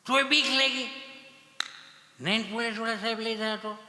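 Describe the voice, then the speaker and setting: A man's voice: very high voice, steady tone, moderate pace, sharp tone. A man doing stand-up storytelling, acting out the voices of the people in his stories. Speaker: comedian. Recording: echoey hall with long reverb.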